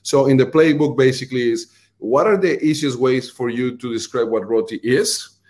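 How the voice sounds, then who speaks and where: A Colombian-accented restaurant marketing executive explains things earnestly as an interview guest, filling his speech with fillers and repeated words. His voice is medium-pitched and darkish, at a moderate pace.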